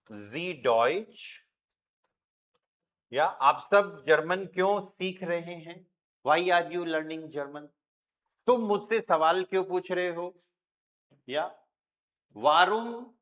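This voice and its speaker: A man's voice: a little high, sharp tone. A man with an Indian accent teaching a grammar lesson to a class, patiently explaining and often checking that students have understood. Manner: slowly spells out sentences word by word. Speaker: German teacher.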